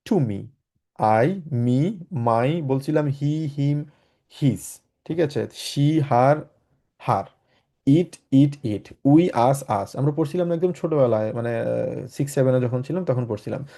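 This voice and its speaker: A man's voice: mid-range voice, warm tone. A man teaching a German class to students, patiently explaining and often asking if everyone is following. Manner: patient, often checks in with "ঠিক আছে?"; mixes English words into his explanations. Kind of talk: online class lecture.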